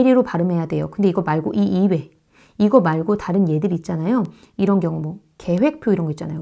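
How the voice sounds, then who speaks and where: A woman giving an online grammar lecture. She explains slowly, addresses her students directly, and repeats vowel sounds to demonstrate pronunciation. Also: medium pitch, dark tone. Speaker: Korean grammar teacher.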